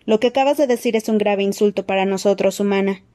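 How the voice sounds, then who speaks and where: A woman's voice: medium pitch, fast talker, dark tone, close to an everyday voice. A woman voicing a proud, fierce male centaur with a stern, roaring manner. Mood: scornful.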